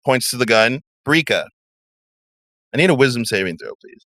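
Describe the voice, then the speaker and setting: A man's voice: mid-range voice, fast, pushed and bright, no room sound, studio quality. A man narrating a tabletop game as game master, describing scenes vividly and dramatically and swearing freely.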